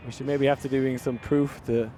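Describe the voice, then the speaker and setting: An Irish man calling a live ultimate-style game from the sideline, with an average pitch and an easy, chatty flow. His voice climbs in excitement on big plays. A faint hum of outdoor noise sits behind him. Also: normal speed. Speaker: commentator. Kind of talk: live sports commentary.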